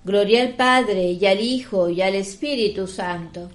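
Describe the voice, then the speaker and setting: A woman giving the responses in a liturgical prayer, solemn, measured and devotional. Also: medium pitch.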